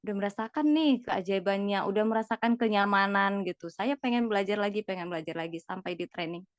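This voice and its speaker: A woman recounts her story earnestly, pausing on fillers and breaking off to restart. Her voice sits at a middling pitch. The sound is dry and a little dull, as from a modest recording. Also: no room sound. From Medan, North Sumatra, Indonesia. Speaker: guest, certified trainer. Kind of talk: personal testimony in casual chat.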